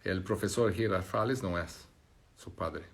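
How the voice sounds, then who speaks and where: This is a Brazilian man, Portuguese-accented, casually live streaming and reading viewers' comments aloud. His low, creaky voice moves a little slowly as he laughs and jokes, switching among Spanish, English and French.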